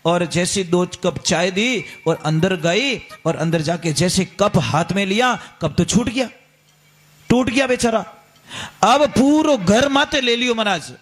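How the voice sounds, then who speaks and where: A man's voice: high-pitched, expressive, measured pace. A man, a spiritual preacher giving a storytelling sermon and animatedly acting out the characters.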